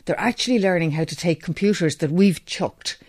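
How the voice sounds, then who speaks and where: In a casual interview, a middle-aged woman from Ireland enthuses about her training business, chatty and brisk. Her voice sits on the low side with a darkish tone.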